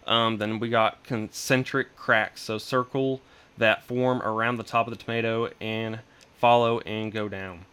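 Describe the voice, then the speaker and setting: A man's voice: on the low side, little pitch movement, unhurried, fairly bright tone, clean tone. Earnest young man. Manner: earnest, stumbles over words, starts sentences with "so". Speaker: extension guest. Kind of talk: reading an informational segment.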